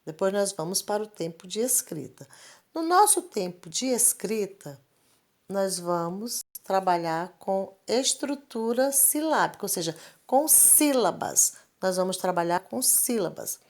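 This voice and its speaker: Woman, teacher, slow patient delivery, repeats herself, screen-recorded lesson. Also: mid-range voice, animated. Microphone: screen recording, device mic.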